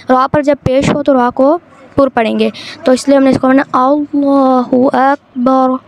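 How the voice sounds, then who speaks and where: A woman with a high-sitting voice teaches Quran reading in a home video lesson. She explains step by step and draws the words out slowly.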